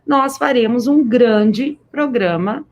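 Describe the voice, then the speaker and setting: A woman's voice: fairly high pitch, slow pace. A woman with a Brazilian accent speaks through a face mask, addressing teachers informally on a livestream as an education official, effusive and emphatic, repeating words for stress.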